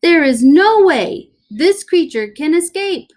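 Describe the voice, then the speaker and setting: A woman voicing a greedy male mouse scientist, squeaking and announcing in a loud, drawn-out way as she reads a storybook aloud. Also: lively intonation, exaggerated voice. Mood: grand announcing. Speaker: teacher reading aloud.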